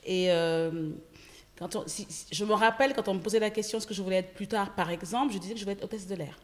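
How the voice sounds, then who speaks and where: A woman from Senegal, a guest entrepreneur, telling stories in a casual interview, lively, with many fillers. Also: medium pitch, fast. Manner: lively storytelling with frequent fillers. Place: podcast studio.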